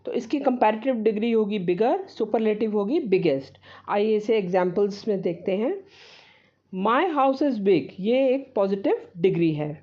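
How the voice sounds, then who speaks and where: A woman teaching a grammar lesson, explaining rules step by step and reading example sentences slowly and deliberately. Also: mid-range voice, warm tone, lo-fi sound.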